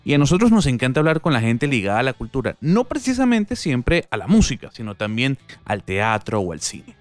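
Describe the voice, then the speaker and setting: Anfitrión panameño de pódcast, voz seca. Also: male voice, medium pitch, very animated, brisk, no echo, faint music behind. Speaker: podcast host at a record shop. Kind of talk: podcast interview.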